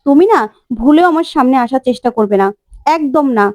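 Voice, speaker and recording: Titli, a headstrong young bride who snaps and scolds in a high, quick voice, as a woman storyteller puts her on. She sounds mellow and dry, as in a retold TV serial. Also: lively intonation, dry recording. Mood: defiant. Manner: defiant, scolding, shouting demands. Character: headstrong young bride set on going abroad.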